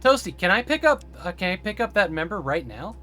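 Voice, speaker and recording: A man's voice: sits high, very animated, brisk, sharp tone. Upbeat chatty male streamer. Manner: chatty, enthusiastic, laughing asides. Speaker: game streamer. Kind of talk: casual live-stream chat while playing.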